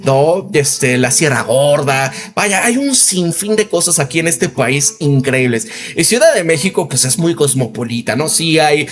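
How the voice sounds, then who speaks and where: A man's voice: a little high, expressive, a little slow, few pauses. A Mexican man in his thirties hosting a casual commentary video, rambling and tossing in tag questions. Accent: Mexican Spanish. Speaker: commentary channel host.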